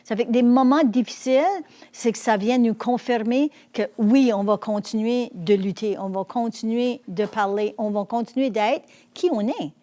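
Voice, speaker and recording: A woman's voice: fairly high pitch, normal speed, warm tone. A woman speaking in an earnest, encouraging way, often repeating words as she starts a thought. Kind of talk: reflective commentary.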